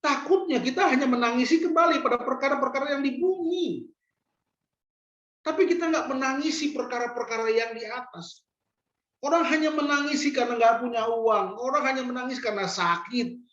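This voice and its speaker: A pastor preaching in a roomy hall. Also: male voice, very high voice, a bit bright. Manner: questions the congregation directly, repeating key lines slowly. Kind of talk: sermon. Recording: roomy, dull lo-fi church recording.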